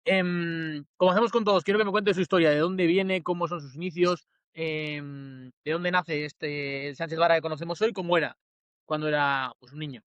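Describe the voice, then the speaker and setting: Spanish man hosting, slightly high voice. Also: steady tone, normal speed, a bit bright, smooth, no room sound. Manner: formal scripted intro, then hesitant questions. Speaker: podcast host. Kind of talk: podcast interview.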